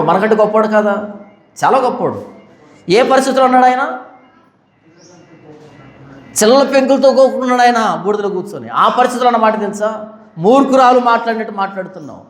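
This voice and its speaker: A male pastor giving a Bible study sermon in an animated way, putting on quoted voices and asking the listeners questions. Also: high-pitched, reverberant.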